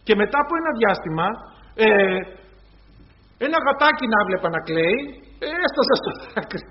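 A man's voice: high-pitched, big pitch swings, lo-fi sound. A man preaching a sermon, retelling scenes in quoted voices and calling his listeners brothers.

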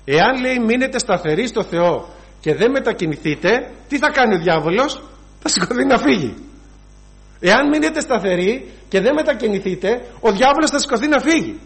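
Male preacher, high-pitched, lively storyteller who acts out the scenes. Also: gravelly. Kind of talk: sermon.

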